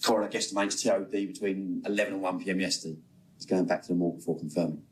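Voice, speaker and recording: A man acting a British detective in a crime drama. He has a low voice and briefs his superior in clipped, factual phrases with a dry edge. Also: level tone, rapid-fire, close to an everyday voice. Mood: matter-of-fact. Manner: clipped, factual, dryly wry. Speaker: police officer.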